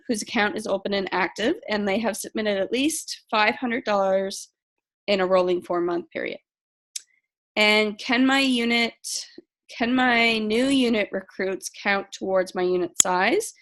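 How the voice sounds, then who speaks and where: Chatty woman explaining a sales program. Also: medium pitch. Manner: chatty, answers questions from a sheet, frequent ums. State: slightly losing her voice. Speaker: sales team leader. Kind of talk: casual training talk.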